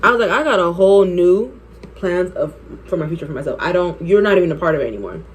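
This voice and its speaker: A beauty vlogger in her twenties tells a personal story while doing her makeup, chatty, candid, and laughing often. Her voice is on the low side yet animated and fast, with a little hiss or hum in the audio.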